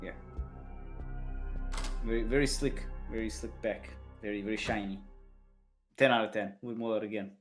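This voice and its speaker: A man's voice: on the low side, steady tone, moderate pace, pauses often. A man giving casual, wry and joking commentary as he co-hosts a video game let's play. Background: video game music.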